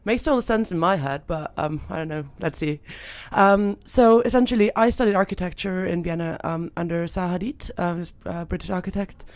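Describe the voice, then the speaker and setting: A young woman from Austria, talking as a guest on a studio podcast. Her voice has a gravelly, fry-tinged texture, and she speaks thoughtfully with many fillers and restarts. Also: lowish voice, brisk, hardly any pauses. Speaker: startup founder guest. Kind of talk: podcast interview.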